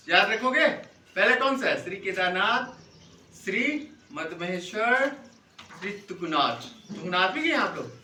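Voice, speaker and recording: A man's voice: high-pitched, bright, forceful tone. A middle-aged male schoolteacher, teaching a class and coaxing the pupils with constant check-in questions. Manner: coaxing, keeps asking "है ना?". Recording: echoey room, distant mic, faint noise.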